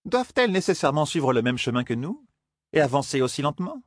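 A man voicing a stern older sorceress who lectures her young charges, in a husky voice for an audiobook. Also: fairly high pitch, big pitch swings, fast, no room sound, clean studio sound, voice pushed up. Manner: scolding, lecturing. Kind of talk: audiobook character voice.

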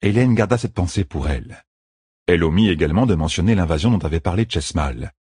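A man narrating an audiobook in a measured, expressive storytelling manner. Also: sits low, breathy edge, dry recording, clean studio sound. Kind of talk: scripted narration.

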